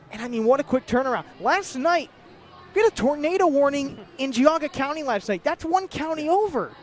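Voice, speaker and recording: A man calling a celebrity softball game and home run derby live as play-by-play announcer, with lively calls and chatty asides. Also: sits high. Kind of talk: live sports commentary.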